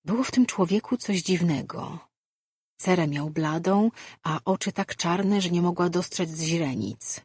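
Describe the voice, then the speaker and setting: A woman narrating a fantasy audiobook in an even, measured reading. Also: on the low side, slightly rough, dry recording, studio quality.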